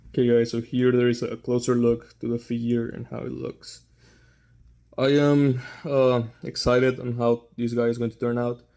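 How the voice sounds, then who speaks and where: A man's voice: medium pitch, monotone, normal speed, gravelly, warm tone. A man chatting casually to viewers as the host of a hobby vlog. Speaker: hobbyist host of figure customizing videos.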